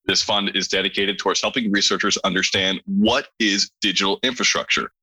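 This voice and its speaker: A man's voice: sits low, steady tone, fairly quick, bright, forceful tone, husky, poor audio. A man hosting a podcast, opening the show and introducing a guest in an upbeat, chatty way. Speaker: podcast host. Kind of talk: scripted podcast introduction and interviewing.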